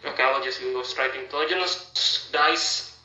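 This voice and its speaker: A man's voice: mid-range voice, a little slow, bright, forceful tone. A man playing a tabletop game over an online voice call, chatting casually and hesitantly, repeating himself. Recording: echoey, muffled voice chat with faint noise.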